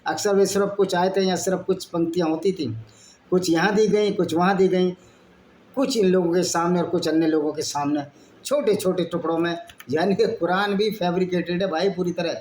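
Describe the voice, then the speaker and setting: His voice sits high with a darkish tone, fairly even intonation and a slightly fast pace. As a channel host, he reads passages aloud and breaks off into blunt, argumentative commentary, recorded in an echoey room with faint background noise.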